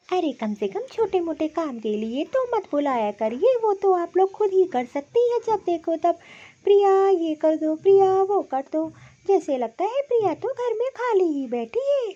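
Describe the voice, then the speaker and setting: A woman's voice: extremely high pitch, warm tone, highs cut off. A woman voicing a sulky, short-tempered young daughter-in-law in a cartoon, talking in an irritable, complaining way. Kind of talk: cartoon voice acting.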